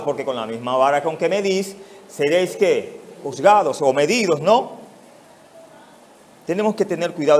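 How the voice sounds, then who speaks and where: Against slight background noise, a man with a fairly high voice and Mexican Spanish accent preaches expository-style, challenging his congregation with rhetorical questions.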